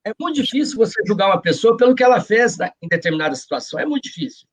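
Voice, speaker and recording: This interview guest, a Brazilian-accented journalist and author, talks very fast in a high voice with big pitch swings. Earnest and explanatory, he reflects on his views and regularly seeks agreement with short tags.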